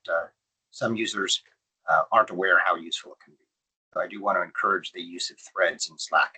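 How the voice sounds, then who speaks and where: A man's voice: low voice, sharp tone, slightly rough, low-quality recording. A man on a video call giving informal advice in an online meeting, hesitant and repeating words as he starts sentences.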